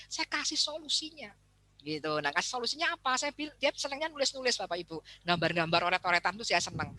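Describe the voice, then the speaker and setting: Animated middle-aged woman psychologist. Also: on the high side, no room sound. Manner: animated, acts out quoted voices of children and teachers. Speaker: psychologist speaking at a parenting webinar. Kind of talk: lively talk to parents. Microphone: video call.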